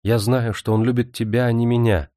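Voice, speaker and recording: A man's voice: medium pitch, level tone, brisk, warm tone, dry recording, studio quality, natural voice. A man reading as a despairing jealous older sister. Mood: anguished. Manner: anguished, pleading.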